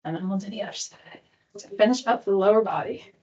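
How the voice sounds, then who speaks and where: A woman's voice: medium pitch, fast talker, darkish tone, dull audio. A woman leading an exercise class as instructor, giving cues and countdowns in an encouraging, peppy manner. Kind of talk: workout coaching with cues and countdowns.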